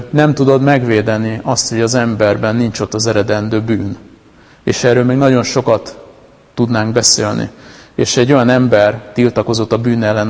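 Male preacher, conversational sermon delivery, gravelly texture, long hall reverb. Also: lowish voice, a little mellow. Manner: conversational, with many restarts and fillers. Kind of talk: informal sermon talk.

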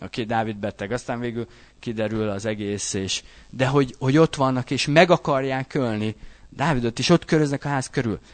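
A man preaching a sermon in a conversational way, reading verses aloud and then explaining them, often checking in with his listeners. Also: mid-range voice. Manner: animated, conversational, often asks listeners "you know?".

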